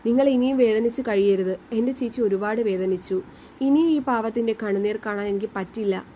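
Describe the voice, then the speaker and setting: A woman's voice: a little high, fairly quick, dark tone, slight background noise, close to an everyday voice. A woman voicing an earnest young mother who speaks from the heart to her older sister.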